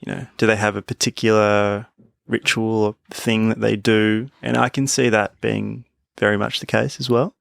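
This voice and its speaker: A man's voice: lowish voice, level tone, moderate pace, gravelly, few pauses, fairly bright tone, no room sound. A man co-hosting a sports podcast, talking in a thoughtful, musing way and laughing easily. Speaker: podcast co-host. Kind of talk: casual chat.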